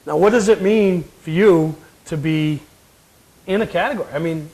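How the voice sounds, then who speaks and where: A man's voice: on the high side, normal speed, darkish tone, rough recording. A man hosting a talk show, chatting casually and prodding his guest along. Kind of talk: casual interview.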